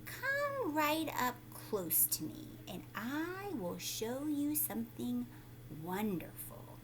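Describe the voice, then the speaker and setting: A peculiar little old man, played by a woman reading a storybook, speaks in a slow, coaxing whisper. The voice is breathy and creepy, drawing out its words over a noticeably noisy recording. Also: sits high, sing-song, fairly bright tone, voice pushed up, exaggerated voice. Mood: beckoning, coaxing. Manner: slow, drawn-out. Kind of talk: children's storybook read-aloud.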